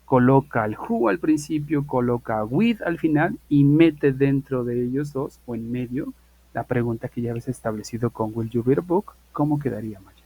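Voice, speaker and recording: A male English teacher with a medium-pitched, narrow voice teaches an online university class, slowly repeating example phrases for his students. The audio sounds tinny.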